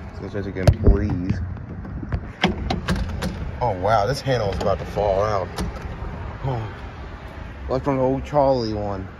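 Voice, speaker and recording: A man's voice: fairly low pitch, measured pace, pauses often, dull audio. A man vlogging on a handheld phone as he explores an empty restaurant building outdoors, talking casually and often repeating words while he searches for them. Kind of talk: casual handheld walkthrough narration. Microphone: handheld phone camera. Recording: loud traffic noise outdoors. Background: passing cars and street ambience.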